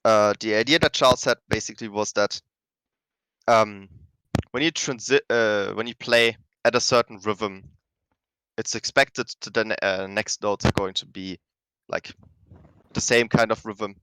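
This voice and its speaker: Low-voiced man explaining, dry and close. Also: fairly even intonation, unhurried, pushed and bright, clean tone, no echo, rough recording. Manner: rambling, self-correcting, many fillers. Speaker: rhythm game mapping teacher. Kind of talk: casual explanatory lesson.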